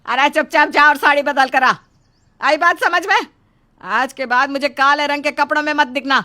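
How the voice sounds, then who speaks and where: A woman's voice: high voice, moderate pace, bright, forceful tone. A woman voicing a harsh, scornful middle-aged mother-in-law in a cartoon story, scolding and taunting.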